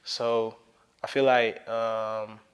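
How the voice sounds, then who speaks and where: Young guy from nigeria raised in italy, chill rambling interview talk, pretty flat tone, lots of "you know". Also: fairly low pitch, very slow, smooth. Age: young adult. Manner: relaxed, rambling, many fillers and "you know". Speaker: interview guest, sneaker developer.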